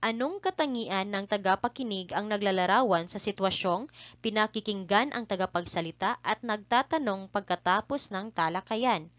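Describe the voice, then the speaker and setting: A woman teacher with a Filipino accent runs an exam review, politely reading quiz questions and answers aloud and repeating each answer twice. Her mid-range voice is fairly bright at a moderate pace. The recording has no echo, but the highs are cut off.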